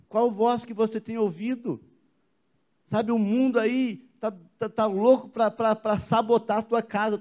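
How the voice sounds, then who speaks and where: A Brazilian man preaching at a church service in a high voice. He preaches emphatically and keeps putting rhetorical questions to the congregation. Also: darkish tone. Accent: Brazilian Portuguese. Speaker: pastor. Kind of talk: sermon.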